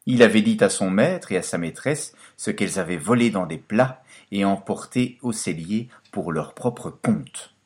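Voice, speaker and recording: A man reads a fairy tale aloud with a low, deep voice. His delivery is dramatic and sweeping, rising and falling widely as he tells the story. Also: unhurried, hardly any pauses. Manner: expressive storytelling, lively and dramatic. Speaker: narrator. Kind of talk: scripted fairy-tale narration.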